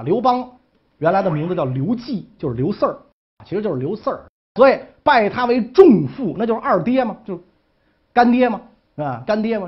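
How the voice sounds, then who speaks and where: A man's voice: high-pitched, husky, muffled recording. A man telling ancient history in a humorous, colloquial way, with frequent asides. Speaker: storyteller.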